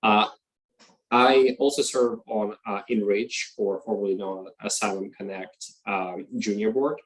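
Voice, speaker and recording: A man's voice: fairly low pitch, fairly even intonation, a little slow, poor audio. A young man introducing himself on a video call panel. He hesitates often and fills gaps with uh and you know. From Russia. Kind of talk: casual self-introduction.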